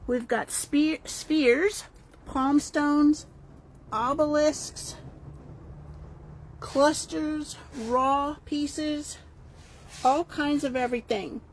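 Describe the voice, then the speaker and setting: A woman from Texas giving a casual, unscripted video tour as host, chatty, meandering and enthusiastic, filming by hand in a warehouse. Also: sits high. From El Paso, Texas. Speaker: crystal shop owner and host. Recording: clear background ambient noise.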